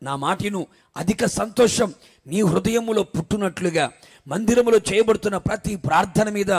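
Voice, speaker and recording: A man's voice: sits high, moderate pace, breathy edge. A man preacher putting on a devout woman who earnestly pleads with her sister to come and pray. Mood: pleading.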